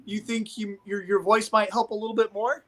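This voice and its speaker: Here a high-pitched Nebraska man from Omaha talks a little fast in a level tone. It's casual sports commentary on martial arts sparring, delivered in an enthusiastic, rambling coach's manner.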